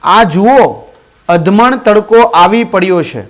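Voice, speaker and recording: A fretful old father yelling for help around the house, as a man reads him aloud. He calls out loudly in alarm, in a fairly high voice. It is storybook reading in a classroom lesson. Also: animated, slow pace. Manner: shouting in alarm. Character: panicky old father shouting about sunlight.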